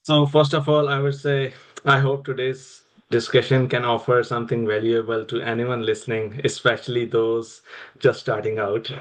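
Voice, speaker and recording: A man's voice: medium pitch, flat delivery, normal speed, poor audio. A young man with a Pakistani accent, telling his personal story as an interview guest. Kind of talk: personal career storytelling in conversation.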